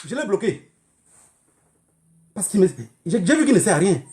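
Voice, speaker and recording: A very animated man with a high-sitting, darkish voice speaks at a moderate pace with a Cameroonian accent. The online activist lectures livestream viewers in a political monologue, emphatically admonishing them, repeating phrases and posing rhetorical questions.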